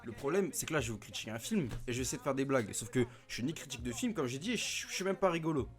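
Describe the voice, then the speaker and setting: A man's voice: medium pitch, expressive, rapid-fire. A young man giving a casual, comedic film review, full of street slang, swearing and rambling hesitations, recorded at home into a desk mic. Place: at home, recording with streaming software. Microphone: desk microphone.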